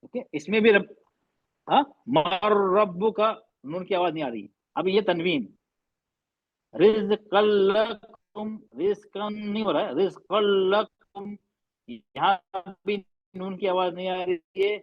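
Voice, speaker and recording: A man teaching a recitation class, patiently explaining and slowly drawing out and repeating recited words. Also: sits high, no echo, lo-fi sound.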